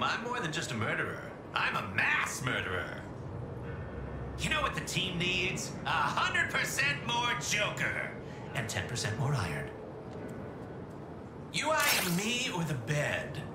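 An actor playing a flamboyant, theatrical and teasing murderous clown villain in a video game. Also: male voice. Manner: theatrical, teasing, swooping delivery. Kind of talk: video game character acting. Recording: roomy game sound, loud rumble behind.

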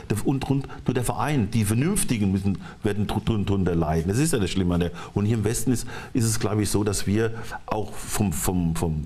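Low-voiced middle-aged man, halting. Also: darkish tone. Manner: halting, frequent restarts and repeated words. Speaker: studio guest, former football coach. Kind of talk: talk-show discussion. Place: TV studio.

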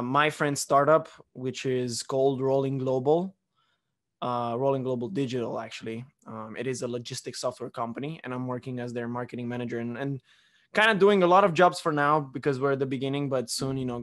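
A young Romanian man hosts a podcast from his living room, chatting casually and rambling with restarts and fillers. His voice is medium-pitched, fairly bright, and brisk, with fairly even intonation. He speaks close into a studio mic on a boom arm.

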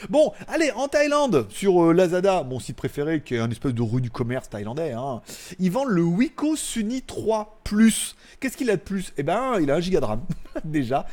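Chatty, laughing tech host. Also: male voice, sits high, big pitch swings, moderate pace, darkish tone. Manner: rambling, joking, laughs often, crude asides. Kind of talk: casual live tech chat. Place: home studio, live stream.

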